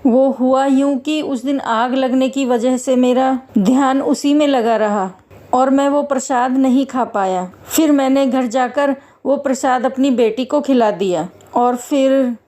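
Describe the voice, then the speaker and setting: A woman's voice: sits high, measured pace, mellow. A woman voicing a middle-aged male security guard in a spoken story, bantering and fatherly in manner. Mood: remorseful. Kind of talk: storytelling voice acting.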